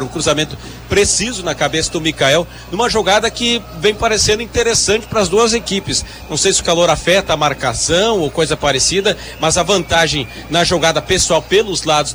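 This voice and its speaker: A Brazilian man offers analytical football commentary in a somewhat high voice. Faint outdoor noise sits behind him as he assesses play live. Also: fairly bright tone.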